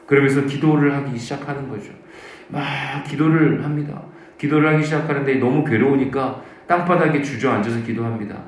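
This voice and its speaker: A man's voice: medium pitch, brisk, slight background noise. A male pastor preaching at a dawn service, telling his own story and acting out the voices he quotes. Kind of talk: sermon with personal testimony. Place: church sanctuary. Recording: very echoey church hall.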